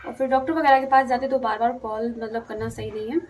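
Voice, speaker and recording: A woman's voice: a little high, fairly even intonation, quick pace, a little hiss or hum, rough recording. A young woman narrating her family's day at home in a rural house, chatty and repeating herself for emphasis. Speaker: family vlogger. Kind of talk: casual vlog narration. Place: rural home with cattle yard and kitchen.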